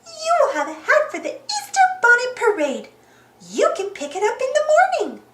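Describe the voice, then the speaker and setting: A woman's voice: extremely high pitch, huge pitch swings, moderate pace, fairly bright tone, reverberant, slight background noise, voice pushed up, exaggerated voice. A woman voicing a sweet, cheerful female cartoon mouse for a children's storybook. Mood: encouraging, sweet. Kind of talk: children's storybook read-aloud.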